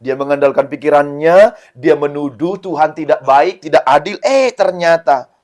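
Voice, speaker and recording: A man with a Medan Indonesian accent preaches a Sunday school sermon to children, explaining things in short, repeated phrases. His voice is fairly high, a little mellow, and moderately paced, rising into a pleading tone as he acts out prayers and quotes.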